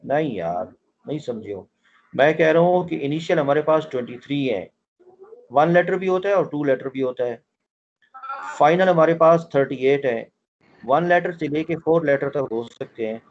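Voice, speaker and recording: A man's voice: a little high, expressive, moderate pace, muffled recording. A man teaching a language class online, explaining things step by step and often repeating his point as he quizzes his students. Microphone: online call audio.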